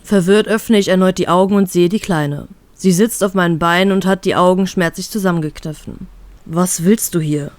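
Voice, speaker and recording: A woman reading a fan story aloud in steady first-person narration. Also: lowish voice, dry recording. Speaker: fanfiction reader.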